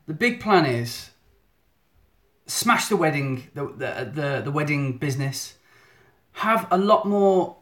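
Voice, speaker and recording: A man's voice: fairly high pitch, expressive, takes it slowly, fairly bright tone. A photographer hosting a live Q&A on his phone, chatty and self-deprecating, with lots of restarts. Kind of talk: live stream Q&A chat. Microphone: phone in selfie mode.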